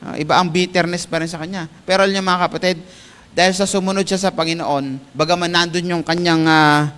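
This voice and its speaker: Filipino preacher, high-pitched, emphatic swells, reverberant sanctuary. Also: male voice, steady tone, a little fast, a bit bright, clear, resonant tone. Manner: switches between Tagalog and King James English, rising to emphatic peaks. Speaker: pastor. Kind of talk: sermon. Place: church. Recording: long church hall reverb.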